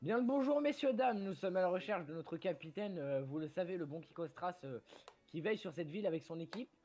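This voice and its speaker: A man's voice: high-pitched, expressive, fairly quick, darkish tone. A man playing a tabletop game, joking with the table and slipping into a stiff formal speech for his character. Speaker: player.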